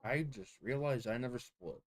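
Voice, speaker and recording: A man's voice: medium pitch, lively intonation, moderate pace. A young man streaming a speedrun, chatting casually in a rambling way, with many fillers and frequent laughs. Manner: rambling, heavy on "like", laughs often. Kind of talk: casual commentary while playing. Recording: noisy game stream audio.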